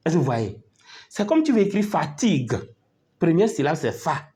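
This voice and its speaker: A man's voice: a little high, big pitch swings, moderate pace, warm tone. A male teacher giving a patient phonics lesson, spelling out letters and syllables one by one and often checking that his pupils are following.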